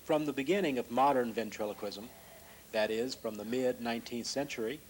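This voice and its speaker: A man's voice: medium pitch, a little fast, a little hiss or hum, low-quality recording. A man reading scripted news narration.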